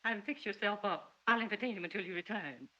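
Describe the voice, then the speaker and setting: A woman's voice: medium pitch, lively intonation, fast talker, pushed and bright. A soothing, protective mother. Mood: tender. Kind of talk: 1930s film acting. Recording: dull 1930s film soundtrack.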